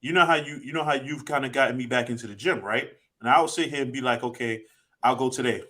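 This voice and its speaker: With slight background noise behind him, a man in his late thirties co-hosting a podcast speaks at a quick pace in a bright, forceful mid-range voice. His casual talk is rambling and self-reflective, full of restarts and "you know."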